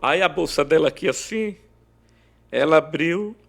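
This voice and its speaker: A man recounts a faith testimony as a podcast guest. His voice sits somewhat high for a man. He dramatizes the conversations he recalls, swinging sharply between raised, loud quoted lines and low, quiet narration. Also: normal speed, creaky. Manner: animated, acts out quoted dialogue with big swings in pitch and loudness. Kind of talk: emotional faith testimony storytelling.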